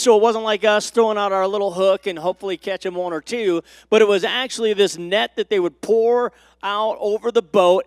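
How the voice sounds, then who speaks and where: Gravelly high-voiced male pastor, slow sermon. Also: dry recording, studio quality. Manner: preachy, rising and falling emphasis, asks the congregation questions. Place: church.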